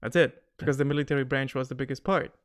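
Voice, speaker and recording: A man, a podcast guest in casual chat, animated and quick to laugh, often restarting his sentences. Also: medium pitch, clear, resonant tone. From Germany.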